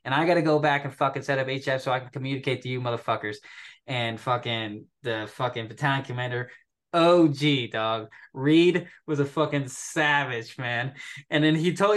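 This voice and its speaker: A young man, a military veteran, telling a story on a podcast in a profane, animated way, laughing as he goes. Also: mid-range voice. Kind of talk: casual storytelling.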